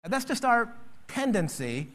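A man preaching a sermon as pastor, animated and acting out quoted voices. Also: very high voice, moderate pace.

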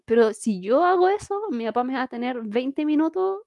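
A Chilean woman in her late twenties telling stories in a casual chat, animated and slangy. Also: sits high, normal speed, no room sound, lo-fi sound. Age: 20s.

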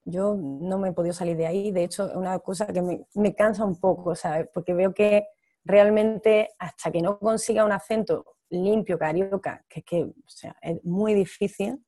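An actress working abroad speaks in a casual interview, candid and lively. Her voice sits at a middle pitch with a warm, mellow tone. The recording is dry. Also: normal speed, no room sound. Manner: animated, candid, laughs between thoughts.

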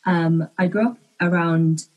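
Podcast guest: young woman, low and husky, thoughtful, plenty of ums. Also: fairly even intonation, a little slow, a little mellow, muffled recording. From London, England. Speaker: guest, architecture student. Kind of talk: casual podcast interview.

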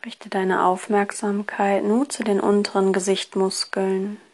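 A woman guiding a relaxation exercise in a soft, partly breathy voice, with a soothing, hypnotist-like delivery. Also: medium pitch, level tone, measured pace. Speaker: relaxation course instructor. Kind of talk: guided relaxation, scripted instruction.

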